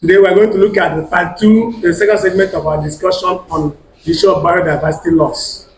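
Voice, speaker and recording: A man's voice: high voice, fairly even intonation, brisk, slight background noise, rough recording. A man with a Nigerian accent anchoring an academic roundtable, speaking formally with rhetorical questions and frequent restarts of words.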